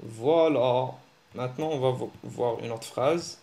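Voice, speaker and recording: A man giving a casual, joking online language lesson, teasing his viewers and breaking into animated bursts. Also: slow, gravelly. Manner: joking, animated, teasing, with sudden pitch jumps. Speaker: language teacher.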